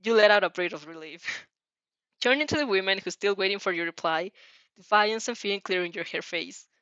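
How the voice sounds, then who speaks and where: A woman reads fan fiction aloud with drama, often stumbling over words and breaking into giggly asides. Her medium-pitched voice moves at a moderate pace with a fairly bright tone, in a dry, lo-fi recording.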